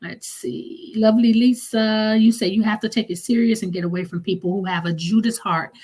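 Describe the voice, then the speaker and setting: A middle-aged woman runs a live stream, greeting viewers by name and reading out their comments. She's casual and chatty, her voice pitched on the low side, and her sentences often trail off before starting over.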